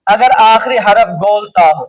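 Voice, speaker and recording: A man with a Pakistani Urdu accent teaching a class on reading the Quran. He slowly repeats words over and over, quizzes his students, and sometimes calls out loudly. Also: sits high. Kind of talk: classroom lesson on Quranic recitation rules. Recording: distant mic with clear background noise.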